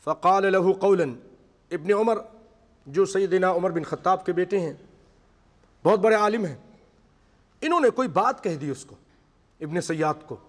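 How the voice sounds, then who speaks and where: A man's voice: high-pitched, pauses often. A man preaching a sermon to a seated congregation, reciting Arabic passages and then explaining them in vivid storytelling. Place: mosque hall with seated congregation. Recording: long echoey hall reverb.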